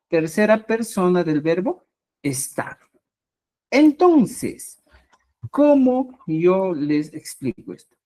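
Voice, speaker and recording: A woman teaching a live online language class in a lowish voice. She takes her time, repeats her key points, and keeps checking in with a quick "¿ya?". Her emphasis rises on each new term she introduces. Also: a little mellow. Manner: checks in with a constant "¿ya?"; slow, repetitive explanations with rising emphasis.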